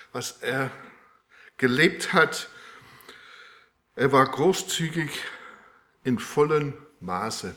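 A man preaching a sermon with a live demonstration, speaking in a halting way with many fillers and restarts. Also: medium pitch, fairly bright tone. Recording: echoey room.

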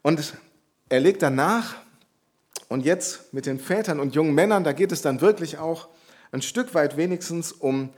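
A man's voice: on the high side, normal speed, darkish tone. Earnest man preaching a Bible sermon. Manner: earnest, explanatory, repeats key phrases for emphasis.

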